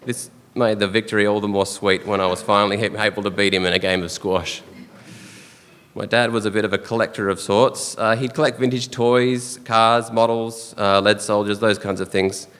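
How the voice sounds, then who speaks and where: An Australian man speaks a funeral eulogy, earnest and fond, with soft chuckles between memories. His voice sits fairly low. The sound carries a long reverb, as in a church or funeral hall. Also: steady tone, moderate pace. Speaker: son giving a eulogy.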